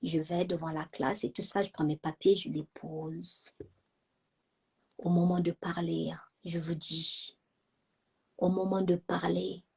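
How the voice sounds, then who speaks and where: A young woman telling a personal story to her live audience in a fast, animated way, with many repeated fillers. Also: lowish voice, gravelly, slightly rough. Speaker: live stream host.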